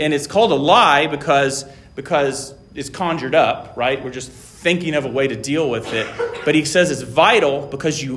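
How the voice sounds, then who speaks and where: A man who grew up in Taiwan giving an informal classroom lecture, halting, with many fillers and restarts, often checking in with "right?". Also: mid-range voice, fairly bright tone.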